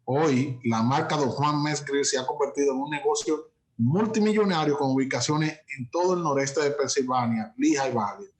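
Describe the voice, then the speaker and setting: A man hosts a prerecorded webinar from his office, reading a long guest introduction. He talks at a middle pitch, pausing on fillers and restarting words often. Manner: hesitant, many fillers and restarts. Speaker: host and entrepreneurship instructor.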